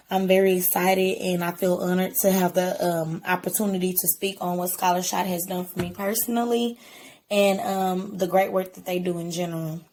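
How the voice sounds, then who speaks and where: A young woman speaking as the graduate speaker from her home, excited and a little hesitant. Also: medium pitch, a little hiss or hum. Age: young adult. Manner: excited, slightly hesitant with fillers. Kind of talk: speech from home.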